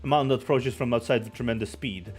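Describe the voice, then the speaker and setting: A man's voice: medium pitch, quick pace, darkish tone, slightly rough, soft background music. A man casually narrating a game and reading its dialogue aloud as a streamer.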